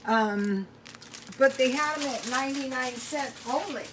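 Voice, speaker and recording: Cooking in her home kitchen, a woman chats casually to viewers, thinking aloud in a rambling, folksy way. Her voice sits high and she is unhurried. The background is noisy.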